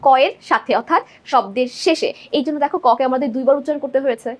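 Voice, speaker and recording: In a high-pitched, fast, slightly mellow voice, a young woman explains exam multiple-choice answers step by step during a prep lesson. She keeps checking in with her students.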